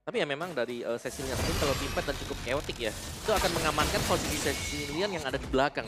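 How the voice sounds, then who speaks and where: A man's voice: on the high side, fast, loud music behind the voice. A man giving analytical match commentary as an esports caster.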